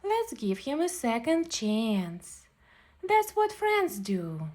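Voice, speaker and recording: A woman's voice: fairly high pitch, big pitch swings, takes it slowly, darkish tone. A woman voicing a friendly, forgiving male cat in an earnest way, reading a storybook to a toddler. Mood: pleading, kind. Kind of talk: children's storybook character read for a toddler.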